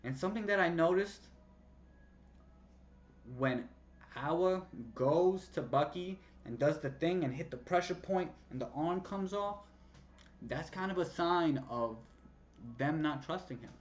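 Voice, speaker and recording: A man excitedly recapping a TV episode in casual slang, acting out scenes with sound effects. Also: fairly high pitch, unhurried, soft background music. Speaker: show recap vlogger. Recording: slightly dull lo-fi sound.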